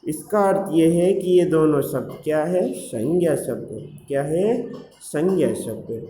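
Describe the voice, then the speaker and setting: A male teacher giving a grammar lesson, explaining slowly and often asking his students questions. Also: a little high, lively intonation, dark tone. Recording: echoey room with faint background noise.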